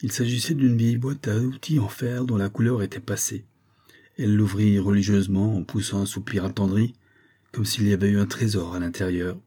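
A man narrates an audiobook from a script, reading in a steady, measured voice that sits on the low side.

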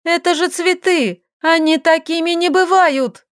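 A woman reading an audiobook voices a frantic young woman, shrill and panicked. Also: unhurried, no room sound, clean studio sound. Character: panicky young woman facing monster flowers.

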